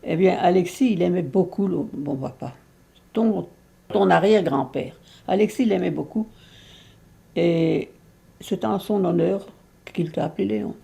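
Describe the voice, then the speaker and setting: A great-grandmother in her nineties from Belgium, telling her life story to a baby in a halting, emotional way with many restarts. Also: on the low side, creaky, mellow. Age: over 90. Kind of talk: intimate spoken memoir.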